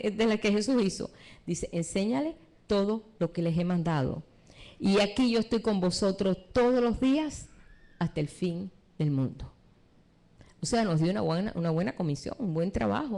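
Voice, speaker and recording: A woman teaching a church seminar live, preaching with rhetorical questions and retelling stories from her own life. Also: fairly low pitch. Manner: animated preaching with rhetorical questions and retold anecdotes. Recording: live stream recording.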